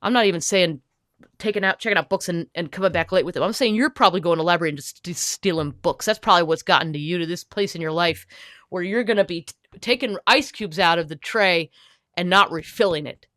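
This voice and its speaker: A fussy, intense perfectionist, played by a woman on a comedy podcast, lecturing in emphatic detail. Her voice sits fairly low, and the microphone sound is dry and close, with no room around it. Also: fairly bright tone, no room sound, lightly acted. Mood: indignant. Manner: fussy, emphatic, lecturing, quick to get heated. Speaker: podcast host in character.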